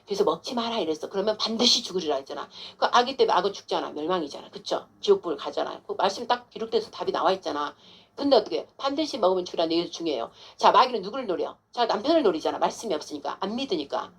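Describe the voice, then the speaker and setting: A woman's voice: lowish voice, lively intonation, very fast, hardly any pauses, breathy edge. A woman pastor giving an informal, emphatic sermon to a congregant, coaxing with frequent rhetorical questions.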